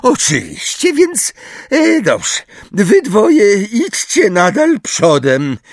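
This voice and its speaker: A simpering, sugary middle-aged official woman in a storybook, her voice pitched high and breathy, sweet on the surface and cruel underneath, as a male narrator puts her on. Her pitch swoops widely, and the recording is close and dry. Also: huge pitch swings, extremely slow, no room sound, full character voice.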